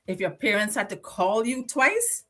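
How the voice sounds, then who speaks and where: A woman with a Guyanese accent, co-hosting a casual live-stream chat and telling lively stories about growing up. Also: medium pitch, normal speed, soft background music. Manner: animated nostalgic storytelling. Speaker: co-host.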